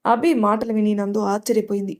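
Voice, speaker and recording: A woman storyteller giving a calm, scripted narration of a love story. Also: mid-range voice, a little fast.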